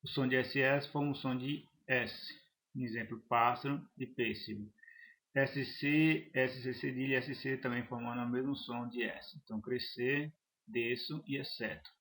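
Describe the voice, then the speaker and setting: A man teaching a grammar lesson, halting and restarting phrases as he explains examples. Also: medium pitch, fairly even intonation, a bit bright. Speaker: Portuguese teacher.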